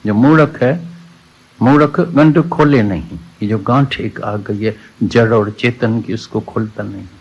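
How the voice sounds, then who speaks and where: With a medium-pitched, gravelly voice carrying a breathy edge, this man preaches a Hindi satsang and tells a parable. He leans on repeated key words and scripture quotations, and the recording sounds dull and lo-fi.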